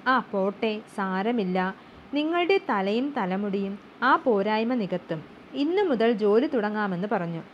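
A woman voicing a shrewd, smooth-talking male manager, measured and businesslike, in a storybook reading. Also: mid-range voice, animated, natural voice. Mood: formal. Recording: slightly dull with faint hum.

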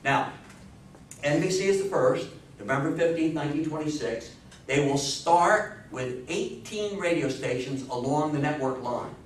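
Delivering an informal public history talk, this male American lecturer is emphatic and unhurried, asking rhetorical questions of a seated audience in a small indoor meeting room. His voice is pitched higher than average. Recorded on a far-off camera mic, the audio is echoey with a faint hiss in the background.

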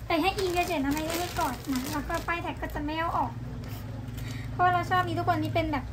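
A woman's voice: very high-pitched, fairly even intonation, fast. A woman who owns a nail salon, chatting casually to viewers in a vlog while showing her shop and purchases. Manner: chatty, gushing, addresses viewers as everyone. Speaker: nail salon owner vlogger. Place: small nail salon, indoors. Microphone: handheld phone camera. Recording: phone vlog with rain noise. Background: rain.

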